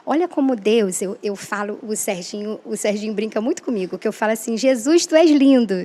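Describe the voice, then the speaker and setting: A woman's voice: mid-range voice, brisk, a little mellow. Earnest woman telling a testimony. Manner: earnest, re-enacts dialogue, frequent "né?". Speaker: guest giving a testimony. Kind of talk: emotional personal storytelling.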